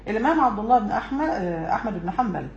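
A woman's voice: mid-range voice, expressive, racing, a little mellow, muffled recording. A woman with an Egyptian accent giving a religious lesson from a book, emphatic and putting rhetorical questions to her listeners. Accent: Egyptian Arabic. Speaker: religious teacher. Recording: echoey room with faint background noise.

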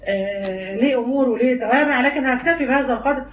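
A woman with an Egyptian Arabic accent giving a religious lesson to women, animated and teasing, mimicking gossip and firing off rhetorical questions. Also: a little high, muffled recording. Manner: rapid-fire rhetorical questions. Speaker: religious teacher.

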